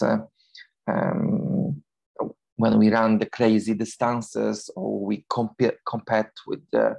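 A man with a Polish accent, Polish his first language, answers interview questions in halting English. His voice has a gravelly edge at a middle pitch. He stops and restarts often and fills gaps with ums. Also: darkish tone. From Poland. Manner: hesitant, many fillers and restarts. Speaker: guest, long-distance runner. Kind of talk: casual interview talk.

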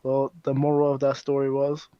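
Young guy, casual podcast co-host, mid-pitched, slightly muffled on a dry mic. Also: completely flat delivery, normal speed, dark tone, clean tone, dry recording. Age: young adult. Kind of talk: casual chat.

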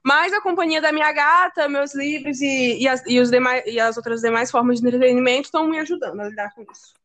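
A woman's voice: high-pitched, fast talker, fairly bright tone. A woman co-hosting a casual podcast chat, talking hesitantly with stammers and fillers. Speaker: podcast co-host.

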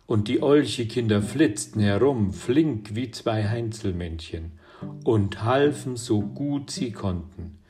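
A man reading a children's book aloud in a calm, unhurried storytelling manner. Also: fairly low pitch, soft background music. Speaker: audiobook reader.

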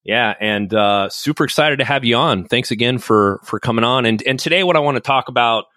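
A man's voice: medium pitch, brisk, sharp tone, dry recording. A man hosting a casual podcast interview, chatty and upbeat with many fillers and restarts. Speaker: podcast host.

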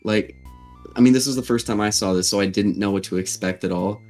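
Low-pitched male podcast host. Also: a little fast, a little mellow, faint music behind. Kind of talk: casual chat.

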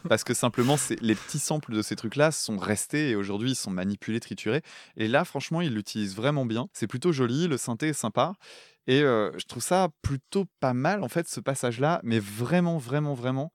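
A man of ordinary pitch co-hosts a casual music podcast, lively and quick to laugh. His speech is animated, with casual swearing as he picks apart song covers. The sound is close and dry. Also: no echo. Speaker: podcast co-host; schoolteacher.

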